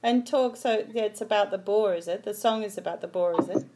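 A woman's voice: medium pitch, fairly quick, darkish tone, a little hiss or hum. A woman hosting a casual podcast interview, asking friendly questions and giving short agreeing replies. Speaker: podcast host.

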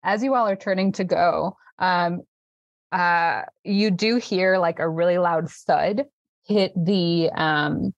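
A woman's voice: on the low side, slow pace, no room sound, highs cut off. A woman narrating as game master in a tabletop game, hesitant and full of ums.

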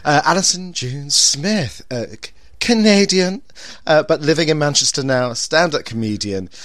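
Man, campy drag queen, theatrical and gushing, very animated intonation, close dry sound, podcast host banter. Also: fairly high pitch, normal speed, dry recording. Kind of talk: podcast banter and show introduction.

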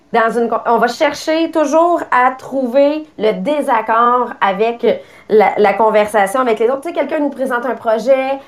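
A woman on a podcast, explaining her ideas in a chatty, self-deprecating way with hesitant fillers. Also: a little high. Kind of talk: casual podcast chat.

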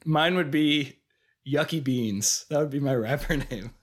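This American man in his thirties is co-hosting a casual, jokey, rambling film discussion podcast while fighting a cold. His medium-pitched voice is a bit congested and he's losing it, though he keeps a measured pace.

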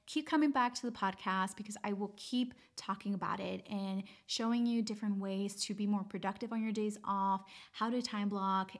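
A woman hosting a conversational advice podcast in an upbeat, encouraging and reassuring manner, walking through organized, step-by-step tips. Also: medium pitch. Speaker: podcast host and productivity coach.

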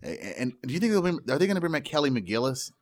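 A man chatting casually about movies as a podcast co-host, talking in quick bursts with restarts. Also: mid-range voice, sing-song.

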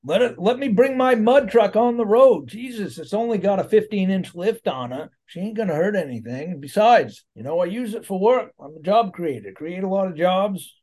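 A man's voice: high voice, lively intonation, normal speed, few pauses, darkish tone. A man voicing a blustering rural boss who owns a mud truck, talking in a folksy, rambling way. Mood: boastful. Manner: folksy, rambling, cheerfully crude.

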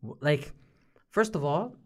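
A man's voice: on the high side, expressive, unhurried, darkish tone. A young man with a Toronto urban slang accent, chatting casually and insistently as a podcast panelist, often repeating phrases for emphasis. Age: young adult. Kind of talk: casual chat.

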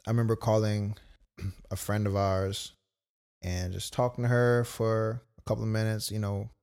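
A man's voice: fairly low pitch, flat delivery, normal speed, gravelly, darkish tone, smooth. A young man casually telling a personal story as a podcast co-host, loose and full of quoted asides. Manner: laid-back, storytelling with many "like"s and quoted asides.

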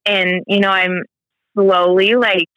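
This thirtysomething Midwestern woman, appearing as a guest, chats candidly about personal matters, her speech dotted with "like" and "you know." She talks slowly and flatly at medium pitch, in a muffled recording without echo.

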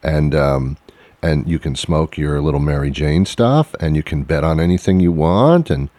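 A man co-hosting a casual chat in a joking, somewhat halting manner. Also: a bass voice, dark tone, no echo. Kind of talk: casual banter.

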